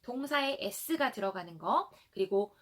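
A young woman teaching an online English grammar lesson in Korean, explaining step by step and reading example sentences slowly for learners to repeat. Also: mid-range voice, expressive.

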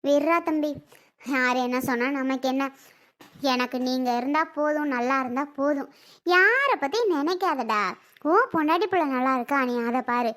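Woman playing a soothing old grandmother. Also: sits high. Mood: advising. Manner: slow, soft, coaxing talk. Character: older mother-in-law and grandmother, soothing, advising. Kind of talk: family skit acting.

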